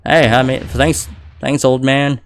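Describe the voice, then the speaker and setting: A man's voice: mid-range voice, flat delivery, unhurried, noisy background. A man chatting casually as he streams a video game. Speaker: live streamer.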